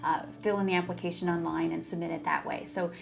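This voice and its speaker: Calm reassuring woman case worker. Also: fairly low pitch, quick pace, gravelly, a little hiss or hum. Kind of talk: scripted training role-play. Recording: music bed under speech.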